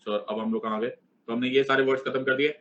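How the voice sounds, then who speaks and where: A man's voice: medium pitch, steady tone, fast talker, a bit bright. A male teacher with an Indian accent lecturing a class in a playful, conversational way, mixing in English phrases and acting out his students' replies. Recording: dull lo-fi recording.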